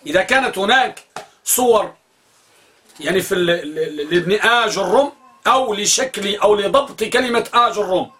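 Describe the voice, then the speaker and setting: A man teaching a grammar class with a high, bright voice. He explains at length and repeats words slowly to spell out each vowel. He pauses to put questions to his listeners. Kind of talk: classroom lecture on pronunciation.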